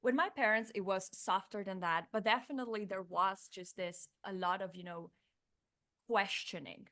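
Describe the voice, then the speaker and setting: A woman in her thirties from Slovenia, a Slovenian native speaker, guest on an interview, talking in a reflective, animated way with many restarts. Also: mid-range voice, moderate pace. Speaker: guest, neuroscientist turned coach. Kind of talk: casual interview chat.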